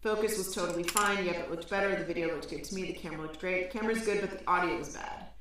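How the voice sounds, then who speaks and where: A woman with a lowish voice chats loosely on a live stream, trailing off now and then. Her sound is boxed-in and boomy, as if she were talking into a trash can. A faint hiss runs underneath. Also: fast, recorded from a distance. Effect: boomy reverb, like talking into a trash can. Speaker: livestream co-host. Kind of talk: casual chat. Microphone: far-off computer mic on a live stream.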